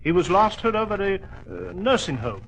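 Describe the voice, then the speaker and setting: An actor playing a loyal, excitable English doctor in a vintage radio drama, with a husky, emphatic delivery. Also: male voice, high-pitched, normal speed, exaggerated voice. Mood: genial storytelling. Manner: emphatic, storytelling. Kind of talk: 1940s radio drama acting. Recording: vintage 1940s radio broadcast.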